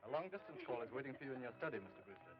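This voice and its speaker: An actor playing a brisk, wry young man in a 1930s film serial. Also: medium pitch, sing-song, over music, natural voice. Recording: dull old film soundtrack.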